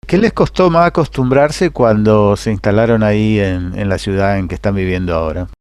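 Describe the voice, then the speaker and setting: Dry low-voiced Argentine interviewer. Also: male voice, moderate pace, a little mellow, clear, resonant tone, dry recording. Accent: northern Argentine Spanish. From northern Argentina. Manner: brief backchannels, friendly questions. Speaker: radio interviewer. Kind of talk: interview hosting.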